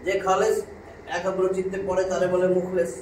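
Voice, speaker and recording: A high-voiced man gives a religious lesson, repeating each term and explaining it word by word. He is recorded from a distance in a very echoey hall. Faint background noise is heard throughout. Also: level tone, brisk. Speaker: religious teacher. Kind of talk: classroom Quran lesson.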